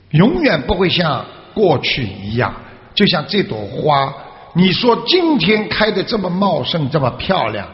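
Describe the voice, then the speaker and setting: A man preaching a Buddhist sermon through a story, with drawn-out filler sounds and questions to the audience. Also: a little high. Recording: echoey hall, dull lo-fi sound.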